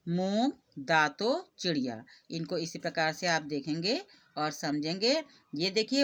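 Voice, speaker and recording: Slow, bright-voiced woman teaching Hindi. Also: lowish voice. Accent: Indian. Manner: patient, repeats each word and breaks it into sounds. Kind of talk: slow classroom lesson, spelling out letters.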